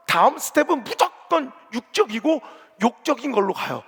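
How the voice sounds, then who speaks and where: A male pastor preaches bluntly and with jokes, his voice high-set, gravelly and husky. He speaks into a stage mic, and his words trail off into the long echo of a large church sanctuary. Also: fairly bright tone. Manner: blunt, joking, colloquial preaching. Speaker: senior pastor. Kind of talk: revival sermon. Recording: long reverb of a big church hall.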